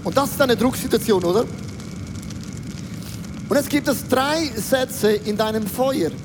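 A man's voice: very high-pitched, unhurried, noisy background. A man preaching a rousing, emphatic sermon, dropping English catchphrases and calling on the audience to answer him. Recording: long reverb of a large hall.

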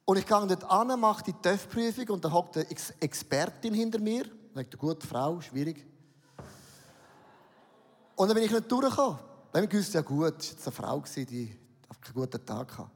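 A man's voice: high-pitched, animated, normal speed, husky. A middle-aged man with a Swiss German accent, preaching a sermon and telling a self-mocking story with humor and acted-out dialogue. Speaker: pastor. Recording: reverberant hall.

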